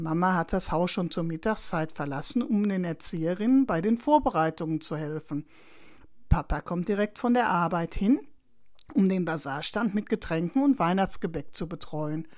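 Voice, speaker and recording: Woman reading a children's story. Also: fairly low pitch. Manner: lively, expressive reading. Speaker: narrator.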